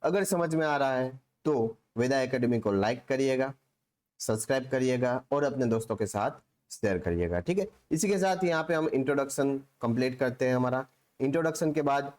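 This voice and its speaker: Speaking at a moderate pace in a slightly mellow, mid-range voice, a man delivers a Hinglish biology lecture. He asks himself rhetorical questions and supplies the answers, with lots of repetition and frequent "theek hai".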